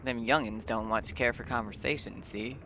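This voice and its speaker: A man voicing a talkative old male ship merchant, gruff and rambling. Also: mid-range voice, fairly even intonation, normal speed, sharp tone, slight background noise. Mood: chatty. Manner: gruff and rambling, drops dialect words.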